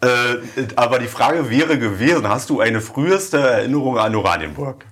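A man from Berlin hosting a relaxed, joking interview in a small office. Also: medium pitch, moderate pace, background noise. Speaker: podcast host. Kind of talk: casual interview chat.

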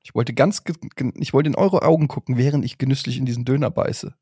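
Husky, playful podcast co-host man. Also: medium pitch, fast talker, mellow, dry recording, clean studio sound. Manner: playful, self-mocking, drifts into jokes. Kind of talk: casual chat.

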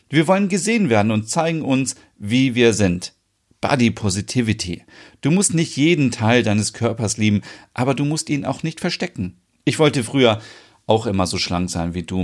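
A man's voice: mid-range voice, natural voice. Proud finnish woman, breezy and encouraging, audio soap, a man voicing her.

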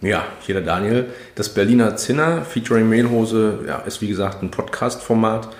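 A man co-hosting a podcast, talking casually in an interview, with hesitant pauses and fillers. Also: fairly low pitch. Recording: roomy echo.

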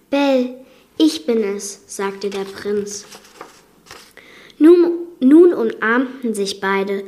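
Slow, higher-pitched woman storyteller. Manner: calm, measured reading. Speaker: fairy-tale podcast host. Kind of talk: slow fairy-tale narration.

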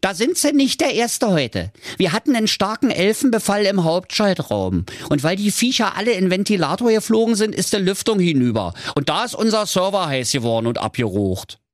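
A man's voice: high voice, big pitch swings, fairly quick, few pauses, dry recording, studio quality, pitched above the performer's own voice. A man voicing a jaded hotline gnome in a comic audiobook. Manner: jaded, brusque. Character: weary hotline helper gnome.

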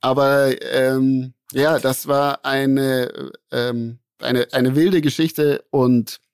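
A man, telling a long story as a podcast co-host in a lively, slangy way and acting out the voices in it. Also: medium pitch, extremely slow, clear, resonant tone, no room sound, clean studio sound. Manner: animated, acts out voices in his anecdote, slangy. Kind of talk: casual storytelling among friends.

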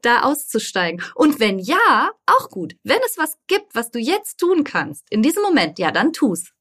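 A middle-aged woman therapist explaining coping exercises in a calm, casual conversation, with lively emphasis. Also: fairly high pitch, moderate pace. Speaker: psychotherapist guest.

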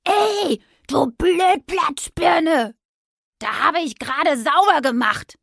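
A woman's voice: medium pitch, moderate pace, gravelly, husky, no echo, studio quality. A woman voicing a hot-tempered, self-righteous young witch in an audio story, brash and indignant. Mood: furious. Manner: indignant, brash, shouting at passers-by.

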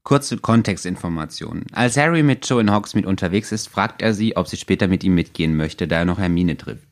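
A man with a lowish voice co-hosts a casual podcast about a book. He is ironic and makes jokes as he goes. The talk sounds loose and unscripted. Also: lively intonation, fairly quick. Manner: ironic, joking. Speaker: podcast co-host.

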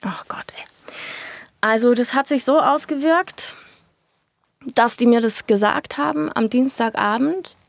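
A woman telling her own story in casual conversation, colloquial and candid, sometimes dropping to a soft breathy half-whisper. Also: on the high side, a little slow, long pauses, no room sound. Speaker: guest sharing a birth story.

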